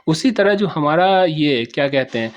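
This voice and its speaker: A man's voice: a little high, expressive, unhurried, dull audio. A man with a Bihari accent, teaching a class in a repetitive style and often checking that his students understand. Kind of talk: classroom explanation.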